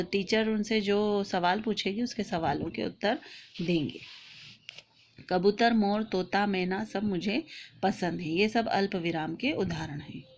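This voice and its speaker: A woman in a teaching role dictates a lesson plan, one point after another. Her voice sits at an everyday pitch, and she keeps a steady, methodical pace. Faint background noise runs under the recording. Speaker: teacher trainer.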